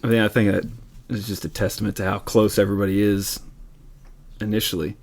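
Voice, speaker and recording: A man hosting a podcast, asking laid-back, halting questions full of fillers and restarts. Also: on the low side, flat delivery, creaky, darkish tone. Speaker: podcast host. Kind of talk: casual conversation.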